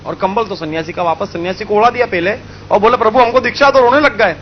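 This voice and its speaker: A man from India telling a spiritual story in an animated way, acting out the characters. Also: high-pitched, quick pace, dull audio, slight background noise. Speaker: spiritual speaker. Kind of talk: storytelling talk.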